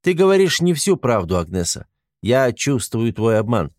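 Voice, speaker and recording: A man reading an audiobook, voicing a calm male angel who speaks in measured, sorrowful reproach. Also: medium pitch, dry recording, studio quality, natural voice.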